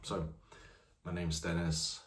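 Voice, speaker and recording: A nineteen-year-old vlogger with a deep but fairly bright voice speaks slowly in a monotone, and the sound is roomy. He wanders through casual talk about his own life to the camera, with lots of "you know."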